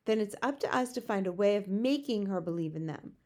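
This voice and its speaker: A woman's voice: medium pitch, lively intonation, fairly quick, warm tone, lightly acted. A woman voicing a spirited young girl from a children's storybook, indignant and determined, speaking emphatically. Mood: excited, determined. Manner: emphatic, insistent. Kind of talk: children's storybook character reading.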